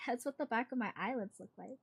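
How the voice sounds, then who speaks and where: A woman voicing a tired, unsettlingly calm girlfriend in a spooky story, gentle and hushing. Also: a little high, quick pace, vocal fry, husky. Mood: eerie. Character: eerily soothing girlfriend in a horror story, tired.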